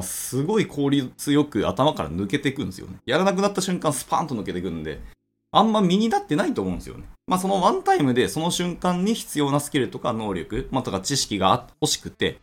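Male solo podcast host, 30s, rapid, animated delivery full of fillers; faint music bed. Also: medium pitch. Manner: rambling, thinking aloud with many fillers. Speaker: podcast host, programming instructor. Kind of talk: casual solo podcast talk.

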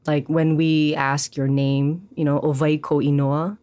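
Her voice low-pitched and smooth, a Hawaiian poet talks as a guest in a reflective interview. She's thoughtful and lively, pausing often with "um" and "you know."

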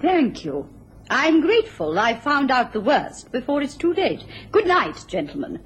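An actress playing a dignified, coldly disillusioned fiancée in a radio drama. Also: female voice, high voice, sing-song, measured pace, slightly rough, heavily acted. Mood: cold, hurt.

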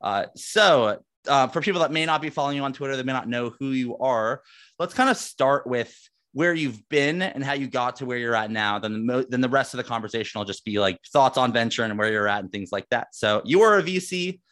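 A man's voice: mid-range voice, fairly quick, a bit bright. A man hosting a podcast who asks rambling questions, stumbling and repeating words. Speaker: podcast host. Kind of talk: casual podcast interview.

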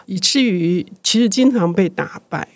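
An older woman, a publisher, speaking as a guest in a reflective interview, thoughtful and growing lively when excited. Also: medium pitch, moderate pace, no room sound.

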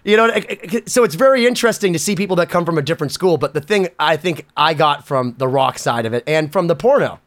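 A man co-hosting a podcast, telling animated stories with jokes. His voice sits high and swings widely in pitch as he talks. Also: fast, few pauses. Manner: animated storyteller, joking. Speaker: podcast co-host. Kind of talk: casual podcast banter.

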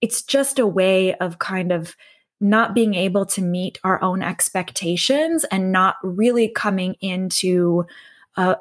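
A young adult woman speaks in a relaxed conversational interview. She is reflective and circles her points, with lots of fillers and restarts. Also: mid-range voice. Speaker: podcast guest, health coach.

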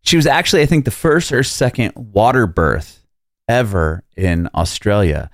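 A man hosting a music podcast, speaking in an energetic, upbeat way and chatting casually with a guest over a video call. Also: fairly low pitch, normal speed, dry recording, clean studio sound. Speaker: podcast host. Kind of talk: casual interview chat. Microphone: remote video call.

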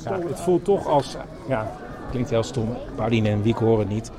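A man hosts a podcast, reporting casually on the spot from mostly outdoors at a small football ground. His mid-range voice is animated and moves at a moderate pace. The football crowd and some music can be heard behind him.

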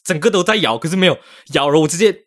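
Guy on a podcast, talks super fast, voice swings up and down a lot, laughy. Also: a little high, dry recording, studio quality. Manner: animated, laughs often, code-switches English words. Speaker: podcast co-host. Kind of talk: casual storytelling chat.

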